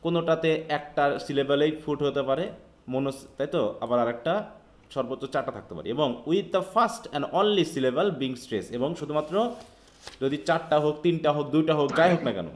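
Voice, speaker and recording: A man's voice: on the high side, a little fast. A man from Bangladesh teaching an English literature class online, reading English lines aloud and questioning his students. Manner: mixes Bengali with read-out English, asks students questions.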